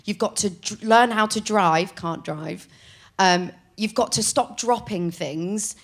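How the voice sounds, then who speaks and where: An English woman in her late twenties talks casually as a podcast guest, her voice medium-pitched and slow. She tells rambling stories and giggles often.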